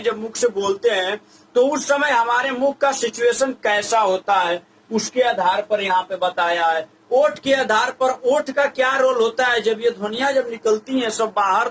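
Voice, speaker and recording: A man's voice: extremely high pitch, a bit bright, slight background noise, rough recording. A man teaching Hindi grammar in a lecture, explaining step by step and stretching out vowel sounds as examples. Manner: drawn-out demonstrative vowel sounds, repetitive explaining. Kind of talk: classroom lecture at a board.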